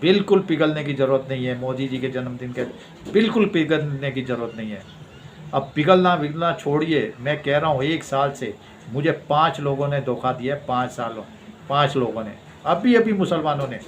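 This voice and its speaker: Brief: man at mid pitch, fervent political commentator, declamatory, faint background noise. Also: lively intonation, moderate pace. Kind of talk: impassioned political monologue.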